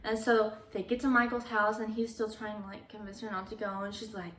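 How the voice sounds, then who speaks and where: A young adult woman YouTuber recaps a movie in a casual, chatty way, using "like" a lot. Her voice is mid-range, fairly bright, and brisk with little pitch movement, recorded with a roomy echo and slight background noise.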